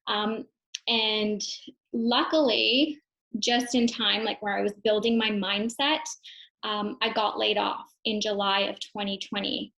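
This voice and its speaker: A young woman, a mother who runs an online business and speaks English as her first language, tells her personal story in a casual, reflective testimonial full of fillers and restarts. Her medium-pitched voice is steady, a bit bright, and measured, with vocal fry and lo-fi sound.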